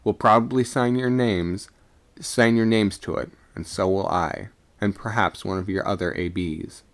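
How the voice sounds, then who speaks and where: Man reading as low, cynical sea captain. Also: fairly even intonation, moderate pace, lightly acted. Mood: resigned, sardonic. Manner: cynical, dismissive. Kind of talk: storybook character dialogue.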